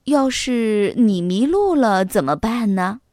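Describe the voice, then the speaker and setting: A woman voicing a gentle, worried mother fox in a children's storybook reading, soft and encouraging. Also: medium pitch, big pitch swings, slow pace, no echo, clean studio sound. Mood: caring.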